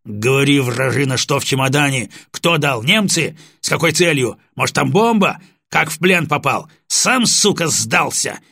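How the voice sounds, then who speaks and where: A man's voice: mid-range voice, measured pace, hardly any pauses, a bit bright, breathy edge. A man voicing a brutal, coarse army sergeant who threatens and curses. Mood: menacing.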